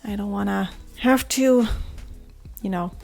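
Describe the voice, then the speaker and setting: A woman with a cold talks casually while she draws, her voice hoarse and raspy, quiet and monotone, sometimes dropping to a soft murmur. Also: medium pitch, a little slow. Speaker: art vlogger. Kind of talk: casual talk while drawing.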